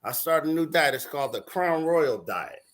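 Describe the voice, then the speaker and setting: A man's voice: a little high, lively intonation, normal speed, fairly bright tone. A man co-hosting a casual panel talk show who jokes, teases the others and laughs often. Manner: joking, teasing, laughs often. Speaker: panel co-host.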